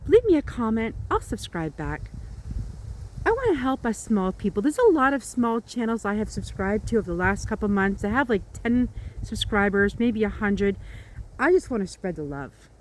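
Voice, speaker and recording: A woman's voice: medium pitch, big pitch swings, moderate pace, slight background noise, rough recording. Casting: middle-aged woman vlogger, mid-range voice, chatty and rambling, talking informally outdoors. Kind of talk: casual chat to viewers. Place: outdoors in the countryside.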